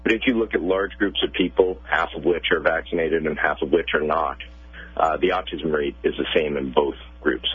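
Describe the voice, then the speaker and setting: A man with a deep, husky voice speaks over a thin, tinny phone line. He is a pediatrician answering questions on a radio interview, calm and measured as he explains. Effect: heard over a phone line.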